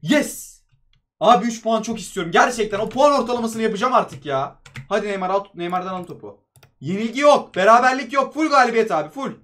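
A young man with a very high voice rattles off his own mobile football match like a sports announcer. He talks fast, urging his players on and reacting to every play as it happens. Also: expressive, a bit bright. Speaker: mobile game video creator. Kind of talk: excited gameplay commentary.

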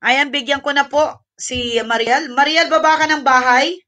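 A woman's voice: high-pitched, fairly even intonation, moderate pace, pushed and bright, recorded from a distance. A woman hosting a casual livestream, out of breath, chatty and thanking viewers, mixing English into her talk. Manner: mixes English into Tagalog. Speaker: livestream host.

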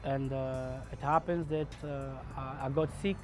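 A man from Congo in his thirties, a barber telling his own story in a documentary interview, earnest and measured. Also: mid-range voice, steady tone, darkish tone, faint music behind. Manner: earnest, measured, acts out remembered dialogue. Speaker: barber and shop owner.

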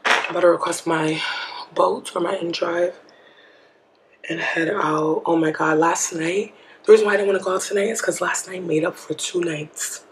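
A young woman vlogging casually to camera, hoarse and half-whispering with her voice nearly gone, chatty and laughing at herself. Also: lowish voice, steady tone, normal speed, a little hiss or hum. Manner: chatty, laughing, self-mocking. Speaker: travel vlogger. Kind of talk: casual vlog talk to camera.

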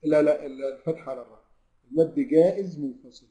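A man with an Egyptian accent teaching tajweed to an online class, who puts questions to his students, answers them himself, and draws the recited verses out slowly. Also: fairly high pitch, warm tone, poor audio. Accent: Egyptian Arabic.

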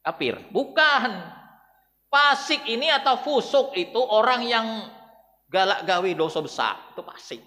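A man delivers an emotive dawn sermon, his voice high and bright with wide, lively swings of pitch. He drops from loud exhortation to near-whispered tenderness as he speaks straight to the congregation. The sound rings with the long echo of a large mosque hall. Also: a little slow. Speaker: preacher.

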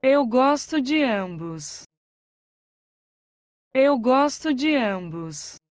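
Woman for a language lesson, high and lively, very slow, careful repeated phrases, dry sound. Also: no echo. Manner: says each phrase twice, carefully.

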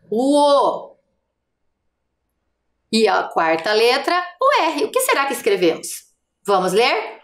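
Brazilian lady teacher on tv, slow and patient with little kids, voice bouncing all over. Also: sits high, roomy sound. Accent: Brazilian Portuguese. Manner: slow, patient, sing-song prompting of young children. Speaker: primary school teacher. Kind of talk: televised first-grade lesson.

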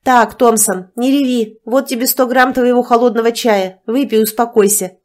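A woman reading a loud, rough, bossy middle-aged village woman in an audiobook. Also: fairly high pitch, fairly even intonation, normal speed, pitched above the performer's own voice, close to an everyday voice. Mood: comforting.

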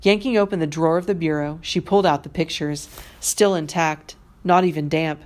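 Low-voiced woman reading a novel aloud. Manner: measured, expressive read-aloud. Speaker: teacher.

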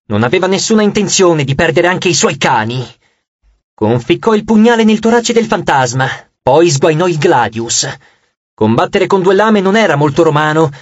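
A man's voice: sits high, no room sound, muffled recording. A man narrating an audiobook with dramatic, scripted storytelling.

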